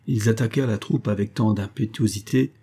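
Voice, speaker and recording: A man reads a classic novella aloud at a steady, measured pace. His voice sits low and dark, with a husky grain. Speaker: audiobook reader. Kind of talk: scripted narration.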